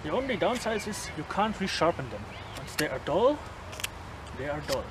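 A bushcraft vlogger in his thirties shows off a knife in a forest, chatting casually and chuckling between remarks. His fairly high voice is very animated at a moderate pace. It was captured on a handheld camera mic, so the outdoor audio carries background noise and forest ambience.

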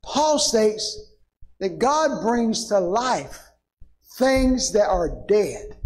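Male pastor, very high voice, unhurried sermon delivery, asks the congregation for amens. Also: poor audio. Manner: preaching with rising emphasis, calling "Amen?" to the congregation. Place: church sanctuary.

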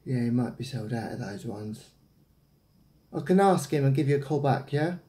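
Animated and mellow at medium pitch and a moderate pace, an English-accented man in his thirties chats casually on a prank phone call, hesitant and rambling. He's in a small indoor domestic room with echo, picked up by a camera about arm's length away.

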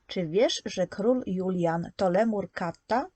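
A woman narrating a scripted preschool lesson, patient and clearly articulated as she sounds out letters. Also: medium pitch, slow pace, mellow, no room sound. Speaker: preschool teacher.

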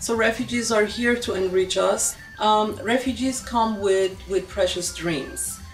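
A woman's voice: medium pitch, a little slow, far from the mic, rough recording. A middle-aged woman in an office interview, speaking earnestly with frequent "you know" and "um". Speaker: refugee agency staff member. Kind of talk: documentary interview. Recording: music under the voice.

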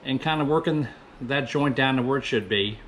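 Here a woodworker in his fifties talks about his project at a normal speed, his mid-range voice a bit bright against slight background noise. The voice-over is loose and meandering, full of self-corrections, and comes from a small indoor workshop.

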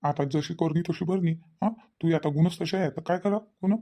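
A man's voice: a little high, moderate pace, mellow. An actor voicing a stern village father-in-law. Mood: lecturing. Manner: lecturing, reproachful. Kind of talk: cartoon voice acting.

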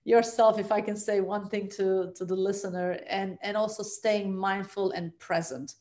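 Joining the interview by video call from her bright home living room, this Turkish woman in her forties, a trauma psychologist, speaks with a Turkish accent in her native-influenced English conversationally. Her voice is medium-pitched and a little mellow, with fairly even intonation at a moderate pace.

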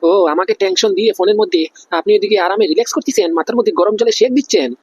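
A man's voice: sits high, very fast, breathy edge, dry recording, dull audio. A man voicing a panicky, feverish male police officer who takes bribes, whining and flustered in a cartoon comedy. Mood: groaning. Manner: whiny, flustered, keeps asking "understand?".

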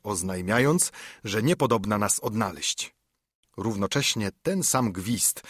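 A male audiobook narrator reads in a steady, measured way, his voice husky at a middle pitch. The sound is dry and close to the mic. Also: no echo. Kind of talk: scripted narration.

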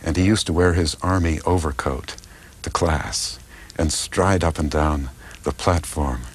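An older US-born political philosopher and translator answers interview questions at a measured pace. His very deep voice carries a breathy edge, and he pauses to think, hesitating with lots of fillers and restarted sentences.

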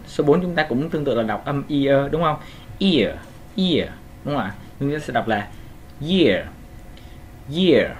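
Guy teaching pronunciation, mid pitch, patient, says sounds over and over, bit of faint hiss behind. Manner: patient, repeats sounds slowly with frequent check-in questions. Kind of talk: casual video lesson.

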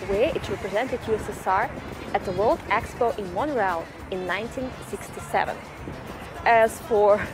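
High-voiced woman narrating a vlog over music. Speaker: vlogger and tour guide.

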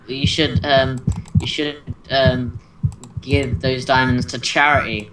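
A young man giving excitable, teasing commentary while playing a multiplayer game with friends over a noisy voice-chat recording. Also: medium pitch, takes it slowly, distant mic. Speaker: gamer.

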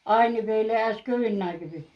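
A woman's voice: medium pitch, brisk. A woman from rural Turkey with a village dialect, reminiscing informally as she is interviewed. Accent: rural Turkish village dialect. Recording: dull, lo-fi recording.

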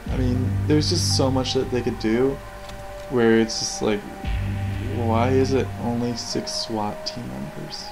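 Commenting on video game cutscenes, a man delivers casual, rambling criticism off the cuff while the game's soundtrack and cutscene audio play underneath. His mid-range voice has fairly even intonation and a measured pace, heard through a rough recording.

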